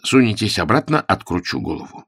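A man voicing an angry young gentleman who speaks in a deep, stern voice. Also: big pitch swings, brisk, no echo, studio quality. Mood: threatening.

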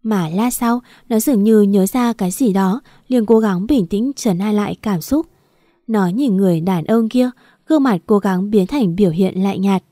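Warm-voiced woman narrator. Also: medium pitch, normal speed, no echo, studio quality. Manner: steady storytelling. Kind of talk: audiobook story reading.

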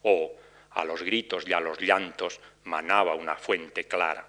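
Measured male lecturer, bright tone. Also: deep voice, fairly even intonation. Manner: measured, reads ballad verses with slower cadence. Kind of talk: academic lecture reading quoted ballads. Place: lecture hall.

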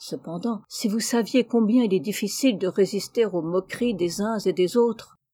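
A shy, proud teenage boy opening up about being lonely, read by a woman in a mellow, soft voice. he sounds earnest and a bit sheepish, like a storybook hero who hates being teased. the voice is husky and warm rather than bright. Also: mid-range voice, moderate pace, natural voice. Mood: rueful.

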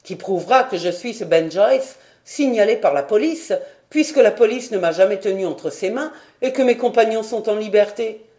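A woman reading the part of a defiant, stubborn male quartermaster in an audiobook, with forceful insistent questions. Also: mid-range voice, very animated, measured pace, few pauses.

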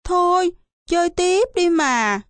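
A small, timid girl who pleads and whines in a high, childish voice, put on by a woman reading the story. Her voice sits well above the reader's own and sounds dry and close. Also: a little slow, no room sound. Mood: pleading.

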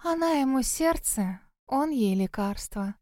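A woman's voice: high voice, lively intonation, unhurried, warm tone, dry recording, studio quality, pitched above the performer's own voice. A woman doing a sly, mocking spirit in a well. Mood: scornful. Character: mocking gossipy female spirit living in a well.

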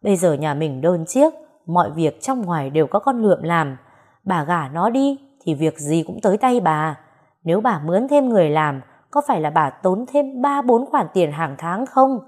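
A sly, lecherous middle-aged village man who talks his way out of trouble with wheedling excuses, as a woman storyteller puts him on. The voice stays low and smooth while he dodges. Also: very animated, moderate pace, darkish tone.

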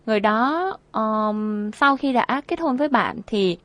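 A woman's voice: on the high side, expressive, measured pace, a bit bright, dry recording. A woman co-hosting a radio advice show, talking earnestly and conversationally about relationships, repeating phrases for emphasis.

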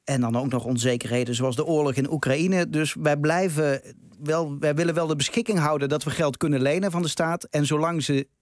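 A man's voice: fairly high pitch, fairly even intonation, brisk, no echo, clean studio sound. A man, an economics reporter, explaining a story fluently on live news radio. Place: radio studio.

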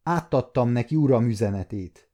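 A man's voice: medium pitch, expressive, dark tone, lightly acted. A man reading the part of a shaken young servant, reporting in an agitated, urgent way.

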